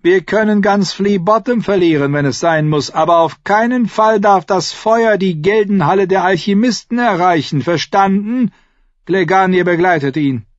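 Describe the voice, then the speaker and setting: A man voicing a sharp-tongued, weary dwarf lord who gives clipped urgent orders in an audiobook. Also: sits high, normal speed, no room sound, lo-fi sound, pitched above the performer's own voice, lightly acted. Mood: urgent commanding. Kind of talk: audiobook character voice.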